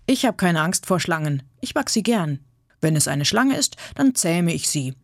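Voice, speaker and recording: Cheeky boastful boy, lively and a bit raised, read by a woman. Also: on the low side, moderate pace, no room sound, studio quality. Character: bold, boastful young boy. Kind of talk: audiobook character voice.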